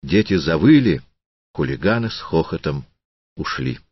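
A man reading a literary audiobook in a slow, deliberate, solemn manner. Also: extremely low pitch, animated, breathy edge, no room sound, lo-fi sound. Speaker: audiobook narrator.

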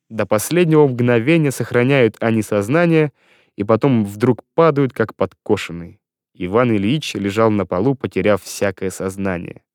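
A man narrating classic prose with expressive storytelling. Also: medium pitch, no echo, studio quality. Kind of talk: audiobook reading of classic prose.

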